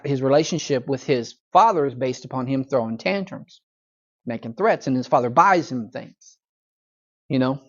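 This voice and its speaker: Pastor guy chatting thru a bible lesson, laughs a lot, quizzes the class, kinda dull lo-fi church recording. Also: mid-range voice. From United States. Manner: chatty storytelling, chuckles often, asks the room questions. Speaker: pastor teaching a Bible study.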